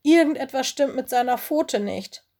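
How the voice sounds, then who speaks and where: A woman's voice: a little high, moderate pace, darkish tone. A woman voicing a young male ice wolf, usually cocky, now stammering and sobbing as he pleads. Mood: tearful pleading.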